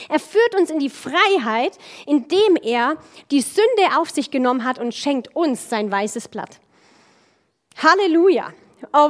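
A middle-aged woman preaching a sermon, stressing key phrases by repeating them slowly. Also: sits high.

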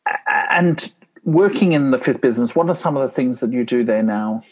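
A man hosting an interview, encouraging his guest with quick affirmations. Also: mid-range voice, expressive, low-quality recording. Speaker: podcast host. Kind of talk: casual interview.

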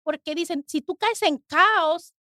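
High-voiced earnest woman telling her story. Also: sharp tone, no echo, studio quality. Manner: earnest, halting with restarts. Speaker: guest sharing testimony. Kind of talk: emotional personal testimony.

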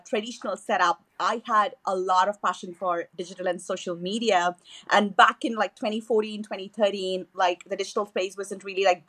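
An eager woman from southern India, whose first language is Tamil, is a guest on a podcast interview. Speaking in a medium-pitched voice, she's enthusiastic, with frequent fillers and restarts.

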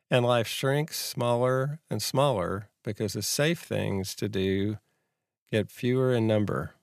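A man giving a reflective guided mindfulness talk in a measured, unhurried way, with pauses between short phrases. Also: mid-range voice, vocal fry, dry recording, studio quality. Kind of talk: slow guided meditation, reflective talk on anxiety.

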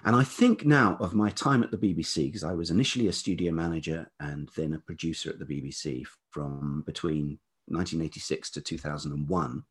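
Speaking fairly quickly with hardly any pauses, a man in his fifties uses a bass voice that is slightly rough but velvety. He is an interview guest, a writer and producer, reflecting hesitantly and thoughtfully on his life in an autobiographical chat.

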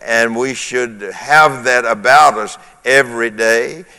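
A man preaching a sermon in an emphatic, call-and-response style, his voice smooth and resonant. The long tail of a church hall's reverb trails after his words. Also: medium pitch, fairly even intonation, slow pace, pushed and bright. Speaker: pastor. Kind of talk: sermon to a congregation.

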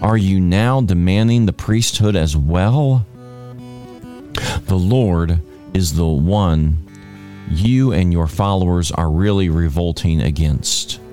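A man reading scripture aloud for a daily podcast, in a measured, unhurried way. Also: low-pitched, warm tone, soft background music. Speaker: scripture reader. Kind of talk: Bible reading.

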